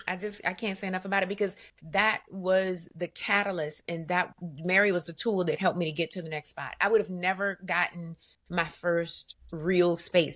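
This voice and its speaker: A woman guest, a business owner, telling her story in an animated, emphatic way with vivid asides. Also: lowish voice. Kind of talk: conversational storytelling.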